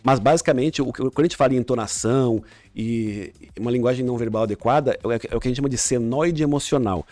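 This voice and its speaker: A man's voice: medium pitch, quick pace, few pauses, mellow, dry recording. A middle-aged man, a podcast guest coaching on communication, explaining with examples and frequent restarts. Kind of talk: casual podcast chat.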